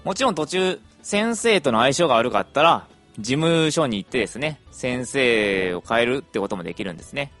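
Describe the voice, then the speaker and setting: Young male podcaster, casual and talkative, very animated pitch, soft music in the background. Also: a little fast, hardly any pauses. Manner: chatty, lively intonation, many fillers.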